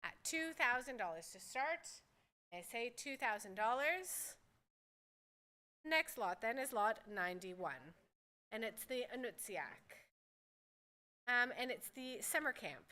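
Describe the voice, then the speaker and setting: A woman's voice: on the high side, pushed and bright, smooth. A woman working as a fine art auctioneer, calling bids at a live sale in a formal, courteous way and repeating the figures.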